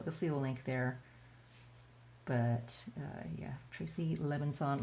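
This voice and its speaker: She has a bass-like, darkish voice. Raised with Chinese as her first language and from the United States, this artist paints on a livestream, reading out comments and chatting easily with her audience.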